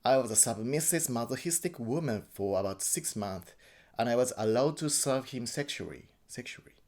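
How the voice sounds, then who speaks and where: A man from Japan with a Japanese accent gives a personal account in halting English, often repeating and correcting words. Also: medium pitch, lively intonation, a little mellow. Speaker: interviewee.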